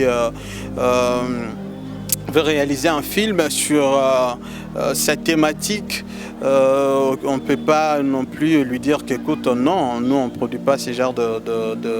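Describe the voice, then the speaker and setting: A festival organizer from DR Congo answers interview questions in a mid-range voice with a Congolese French accent. He's hesitant, filling his speech with filler sounds and repeated words.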